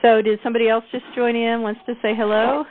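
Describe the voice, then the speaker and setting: A woman's voice: on the high side, level tone, quick pace, no echo. A woman leading a group coaching call, chatty and encouraging, often restarting her phrases. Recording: tinny phone line.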